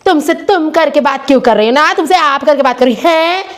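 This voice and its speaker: A woman playing a brash, loud-mouthed young wife who scolds and defies her husband in a comedy sketch. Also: extremely high pitch, flat delivery, racing, slight background noise, pitched above the performer's own voice. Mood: defiant scolding.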